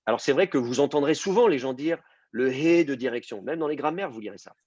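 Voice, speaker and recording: A man's voice: mid-range voice, lively intonation, fast, a little mellow, no room sound. Man, teacher, explaining with restarts, dry sound, muffled call audio. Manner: explanatory, with many fillers and restarts. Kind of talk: online class on biblical Hebrew.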